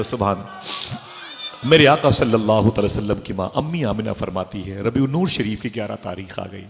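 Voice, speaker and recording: A man preaching an emotional religious sermon to a gathering, telling a story with impassioned swings from high cries to hushed tones. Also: gravelly. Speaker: Islamic preacher. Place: religious gathering before a live audience. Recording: long hall reverb from a big venue.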